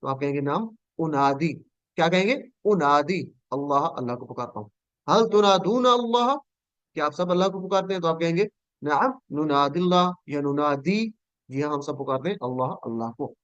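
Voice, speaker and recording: A man teaching over a video call, his voice somewhat high and smooth, recorded dry and close. He says each word slowly and carefully, pausing so the students can say it back. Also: animated, a bit bright, dull audio. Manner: patient, repeats words slowly for students to echo. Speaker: Quranic Arabic teacher. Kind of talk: online class drilling verb forms.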